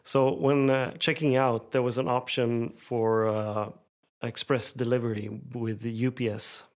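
Guy co-hosting a podcast, chatty and rambling, voices the phone calls higher. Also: little pitch movement, measured pace. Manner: rambling storyteller, acts out phone calls in a raised voice. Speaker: podcast co-host. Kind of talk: casual chat.

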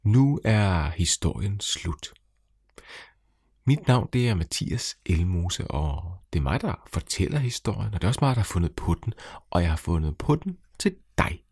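Lively man reading a kids' story aloud, lowish voice, close and dry. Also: husky, dry recording. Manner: playful, animated, speaking directly to children. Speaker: storyteller and author. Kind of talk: children's story narration.

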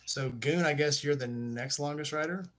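A man's voice: on the high side, moderate pace, fairly bright tone. Rambling middle-aged man hosting a chat. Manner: rambling, self-correcting, joking. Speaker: podcast host. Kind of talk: casual chat.

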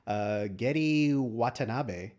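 A man co-hosting a casual movie discussion, talking in a halting way with plenty of "like". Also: mid-range voice, darkish tone. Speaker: podcast co-host.

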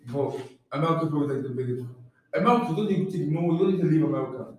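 A man's voice: a little high, rapid-fire. Young British man, laid-back slangy chat. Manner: relaxed, slangy, says bro. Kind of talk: casual chat. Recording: echoey room, far from mic.

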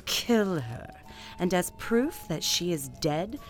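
A man voicing a proud, vain and cruel queen in a storybook reading, with a haughty, cold manner and soft music behind. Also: high voice, sing-song, slow pace, voice pushed up, full character voice.

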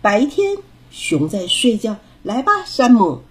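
A woman's voice: fairly high pitch, huge pitch swings, slow pace, slightly rough, heavily acted. A woman voicing a confident, teasing young girl who leads the way in a storybook reading. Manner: bossy and teasing.

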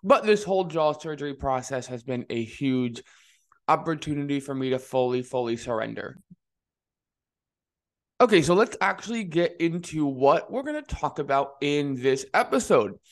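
A man's voice: fairly high pitch, sing-song, normal speed. Upbeat man with a slight lisp. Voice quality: slight lisp, slurred as if numbed. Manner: upbeat, eager, many fillers. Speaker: podcast host and money coach. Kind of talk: casual podcast monologue.

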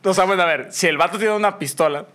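A man's voice: high voice, fast, a bit bright. A young man with a Mexican accent, co-hosting a casual podcast chat and telling a story animatedly, full of slang and swearing. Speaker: podcast co-host.

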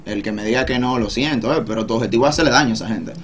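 Fast, blunt man. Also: mid-range voice, a loud crowd. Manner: blunt, street slang, checks in with listeners. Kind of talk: casual group discussion.

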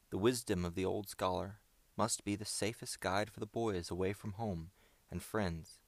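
A man narrating an adventure novel aloud in a steady, measured reading. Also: low voice, no echo. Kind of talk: audiobook narration.

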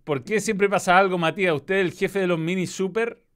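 A man's voice: high-pitched, steady tone, brisk, fairly bright tone, clean tone. A man with a Chilean accent hosting a football stream in casual chat, loose and swearing freely as he reads out chat messages. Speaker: football show host.

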